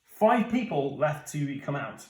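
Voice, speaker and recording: This board game channel host, a British man in his thirties, sounds very animated, with a fairly high pitch and a slightly slow delivery. He chats as he explains the rules, tossing in jokes along the way. The room is echoey and the mic is far from him.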